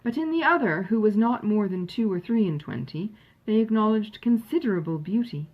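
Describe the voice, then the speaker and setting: A woman narrates a classic novel as an audiobook reader, telling the story in an expressive, measured way. Her pitch is medium, and the audio sounds dull.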